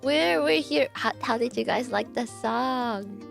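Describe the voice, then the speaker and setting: A woman's voice: on the high side, unhurried, creaky, soft background music. Giggly woman on a crunchy bitcrushed mic. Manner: bubbly, giggly, chatty. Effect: crunchy, bitcrushed-sounding mic audio. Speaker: stream host. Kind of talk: casual livestream chat.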